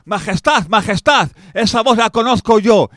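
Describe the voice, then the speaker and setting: A man voicing a frantic courtier, urgently pleading in a shrill voice. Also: measured pace, darkish tone, dry recording, studio quality.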